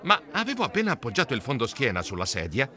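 A man reading a children's storybook aloud in a playful, animated way. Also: mid-range voice, fast, a faint crowd. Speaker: audiobook narrator.

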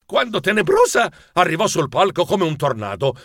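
A high, flustered mouse narrator. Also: male voice, normal speed, dry recording, clean studio sound, soft background music, exaggerated voice. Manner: expressive, easily flustered. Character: anxious fussy male mouse narrator. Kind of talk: audiobook narration.

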